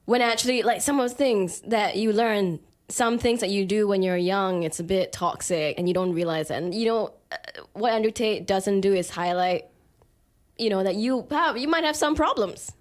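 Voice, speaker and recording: A woman's voice: mid-range voice, moderate pace. Woman, thoughtful podcast co-host. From Singapore. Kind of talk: casual chat.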